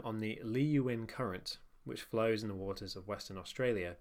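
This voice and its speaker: A young man with a nasal voice reads his own newsletter aloud in a casual, wry tone, with swearing and self-mocking asides. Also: deep voice. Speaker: newsletter narrator and podcast host.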